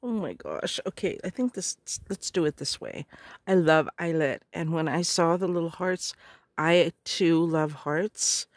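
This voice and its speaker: A middle-aged woman with a slightly hoarse voice gushes over each craft supply she unwraps, often clearing her throat. Her voice sits a little low and she speaks slowly, lingering on her words. The sound is close and dry, with no room echo. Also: expressive. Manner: gushing, slow and murmuring. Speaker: craft vlogger. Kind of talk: casual unboxing chat.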